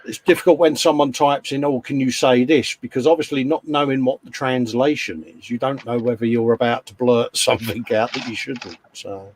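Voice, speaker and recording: A man's voice: mid-range voice, fairly even intonation, a little fast, hardly any pauses, no echo. A man with an English accent tinged with Scouse, hosting a model-building stream in casual, rambling chat and laughing often. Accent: English with a slight Scouse hint.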